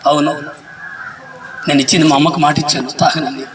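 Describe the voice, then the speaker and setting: Preacher guy doing a solemn son swearing he wont drink, bit lower, far mic, noisy room. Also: flat delivery, brisk, close to an everyday voice. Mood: solemn vow. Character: earnest grown son keeping a vow to his mother. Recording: distant mic, noisy hall.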